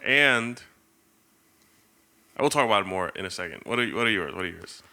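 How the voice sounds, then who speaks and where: A young man co-hosting a podcast, joking around in casual chat with quick interjections. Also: on the low side, animated, bright, forceful tone. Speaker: podcast co-host.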